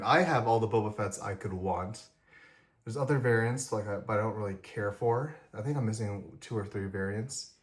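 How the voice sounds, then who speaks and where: Low-voiced man rambling through his collection. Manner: rambling, self-correcting, chatty with frequent ums. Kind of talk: casual vlog walkthrough.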